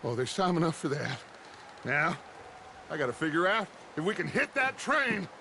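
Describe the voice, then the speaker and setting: An actor playing a theatrical American outlaw gang leader in a video game, pompous, oratorical and mocking. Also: male voice, on the high side, big pitch swings, normal speed, pushed and bright, a little hiss or hum, full character voice. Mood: gloating.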